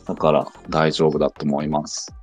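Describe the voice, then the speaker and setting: A man with a very low voice talks through language teaching in a relaxed online audio chat. He explains things patiently and step by step. Soft music sits faintly in the background. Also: a little fast, breathy edge.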